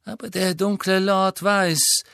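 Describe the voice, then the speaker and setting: A cold, sneering aristocratic wizard villain, as a male narrator puts him on, with a slow, menacing drawl. The voice sits well above the reader's own pitch and pushes louder. It is recorded dry and close. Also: level tone, gravelly, clear, resonant tone, no room sound, exaggerated voice.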